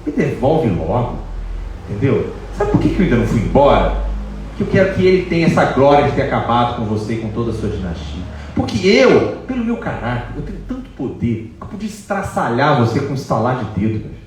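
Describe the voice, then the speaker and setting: A man's voice: low voice, big pitch swings, unhurried, pauses often, a little mellow, a little hiss or hum. A man putting on a scornful captive queen. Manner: scornful, commanding. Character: defiant captive queen Sita, proud woman. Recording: echoey hall from far off.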